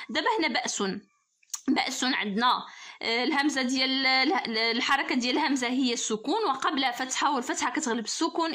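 A woman's voice: high-pitched, a bit bright. A woman teacher with a Moroccan Arabic accent who works through a grammar test for pupils, laying out each rule patiently and step by step. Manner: patient, explains rules step by step.

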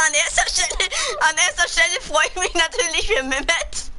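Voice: very high voice, normal speed, noisy background. A teenager streaming a car soccer game, bantering boisterously with friends over voice chat and laughing a lot. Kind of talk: casual gaming chat with friends.

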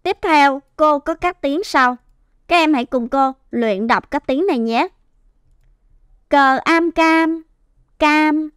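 A woman teaching first-grade reading, sounding out and stretching each syllable clearly for young children. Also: high-pitched, measured pace, dry recording, studio quality. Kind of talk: slow, clear phonics teaching.

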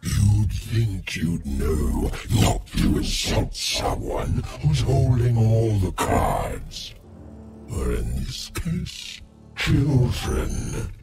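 A deep, gravelly shadow monster for a video game, ancient and menacing. He toys with his prey in mock courtesy, swinging theatrically through his phrases. Loud music plays behind him. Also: huge pitch swings, heavily acted. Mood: gloating menace. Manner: slow, menacing, theatrical, mockingly polite. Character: ancient menacing shadow creature that snatches children. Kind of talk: video game character acting.

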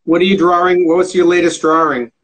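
A man's voice: high voice, little pitch movement, fast talker. A man in his forties hosting a casual live chat from home on his phone, easygoing and full of questions. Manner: chatty, easygoing, asks lots of questions. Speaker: host of an online live chat. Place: home room, indoors. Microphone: phone at arm's length.

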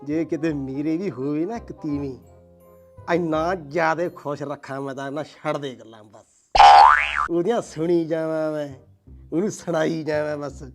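A man's voice: fairly high pitch, moderate pace, over music, natural voice. A man playing a wistful lonely bachelor. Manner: dreamy, musing monologue. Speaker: actor in a comedy sketch.

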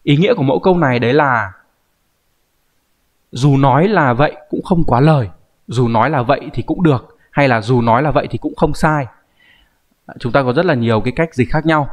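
A man with a medium-pitched voice explains a grammar point in an online lesson. He is patient and explanatory, stopping often to make sure the listener is keeping up.

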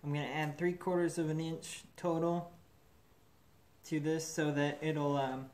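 A man in a metal fabrication shop, talking through a build in a relaxed way and thinking aloud with fillers, recorded on the camera mic from above the bench. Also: fairly high pitch, unhurried. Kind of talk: casual shop demonstration. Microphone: camera mic, speaker off-frame above the bench.

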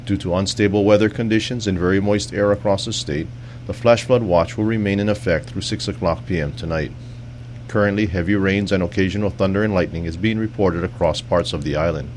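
Deep-voiced male emergency announcer, noisy recording. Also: brisk, a little mellow. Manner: formal, official. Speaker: civil defense announcer. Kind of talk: scripted public safety announcement. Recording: noisy recording with low hum.

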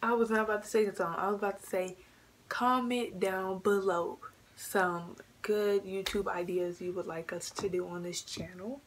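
A woman's voice: medium pitch, fairly even intonation, moderate pace. Young woman chatting casually, slightly noisy room. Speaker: YouTube channel co-host. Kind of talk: casual chat. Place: small bedroom. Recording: noisy home webcam recording.

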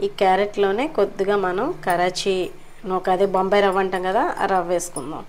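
A woman's voice: mid-range voice, little pitch movement, fairly quick, slight background noise. Chatty woman narrating home cooking. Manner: chatty, politely addressing viewers. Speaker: cooking vlogger. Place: home kitchen.

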